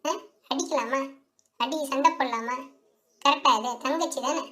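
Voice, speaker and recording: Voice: high voice, measured pace, pushed and bright. A female performer voicing a stern mother doll who questions and lectures her daughters firmly in a doll story play. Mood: lecturing. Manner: firm, demanding, lecturing.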